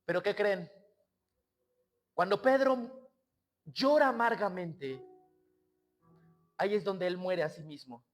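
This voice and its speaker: A male pastor preaching a sermon, swinging between loud exclamations and quiet asides and acting out the scenes he tells. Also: high voice. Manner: acts out quoted voices and scenes.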